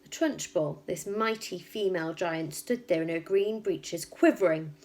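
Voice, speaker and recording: In a fairly low, unhurried voice, a woman reads a children's story aloud the way a teacher would. Her narration is expressive, emphatic and full of suspense.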